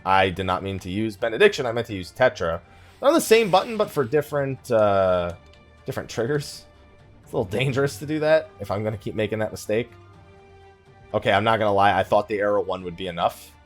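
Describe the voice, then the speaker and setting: Talking fairly quickly and with plenty of energy, a man with a fairly low voice narrates a gaming let's play while faint music runs behind him. He rambles and jokes in a chatty way, mocking his own play and acting exasperated.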